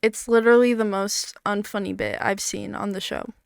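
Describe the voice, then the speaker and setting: A woman's voice: medium pitch, fairly even intonation, normal speed, gravelly, clear, resonant tone, no echo, clean studio sound. Chatty woman with a slight lisp. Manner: chatty, blunt, peppered with "like". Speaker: streamer reviewing an old comedy show. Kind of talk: casual commentary.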